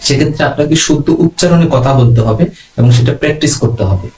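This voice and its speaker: বাংলাদেশের এক পুরুষ অনলাইন ক্লাসে যোগাযোগ দক্ষতা শেখাচ্ছেন, ধীর ও মাপা ভঙ্গিতে একটার পর একটা টিপস দিচ্ছেন।. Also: male voice, fairly high pitch. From Bangladesh. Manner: calm, measured teaching with numbered tips. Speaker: online class instructor. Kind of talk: online lesson on communication skills. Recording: roomy echo.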